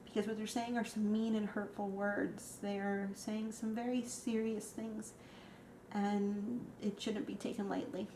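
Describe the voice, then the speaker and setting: A woman talks to her camera in a rambling, emotional way, full of fillers and trailing thoughts. Her pitch is middling, and the room around her rings with echo while a faint background noise sits under her voice. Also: flat delivery, measured pace, warm tone. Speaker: vlogger. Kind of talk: casual vlog. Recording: echoey room.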